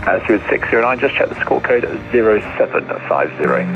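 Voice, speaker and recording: Low guy doing tower clearances on muffled radio, music playing behind. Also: expressive, a little fast. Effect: aircraft radio. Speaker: air traffic controller.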